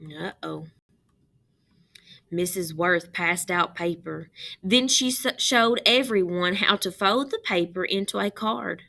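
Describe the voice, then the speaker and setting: A woman reading a picture book aloud to children in an expressive, deliberate way, pausing to put questions to her listeners. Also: on the low side, creaky.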